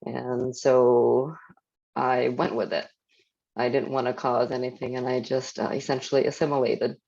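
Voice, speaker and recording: A woman's voice: rumbling low, level tone, normal speed, vocal fry, a little mellow. Woman from Thailand on muffled lo-fi audio. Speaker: panelist. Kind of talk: panel discussion on a video call.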